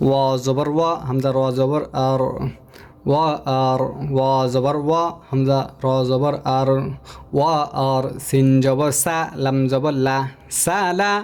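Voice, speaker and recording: A man teaches Quran recitation, chanting and slowly spelling out Arabic syllables, with faster spoken explanations in between. His voice is mid-range and dark in tone.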